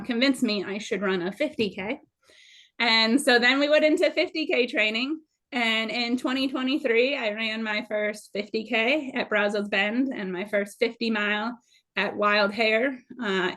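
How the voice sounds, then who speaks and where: A woman's voice: medium pitch, a bit bright. A woman in her late thirties from Minnesota, a guest telling her running story in a bubbly, self-deprecating way. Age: 30s. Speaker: guest runner. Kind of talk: casual interview storytelling.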